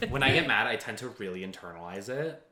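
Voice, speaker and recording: A man co-hosting a casual comedy podcast, making quiet, wry remarks. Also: fairly low pitch, animated, quick pace, a crowd in the background. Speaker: podcast co-host. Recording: roomy echoey mic.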